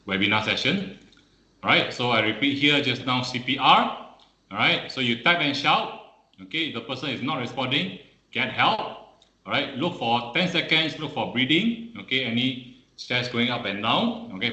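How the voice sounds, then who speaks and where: A man's voice: medium pitch, pushed and bright, reverberant, rough recording. A man teaching first aid on an online webinar, peppering his speech with "all right" and "okay".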